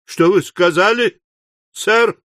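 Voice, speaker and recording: A man's voice: a little high, lively intonation, slow pace, pushed and bright, no room sound, studio quality, voice pushed up, heavily acted. A man voicing a pompous, indignant male newspaper editor who speaks in formal denunciations, in an audiobook.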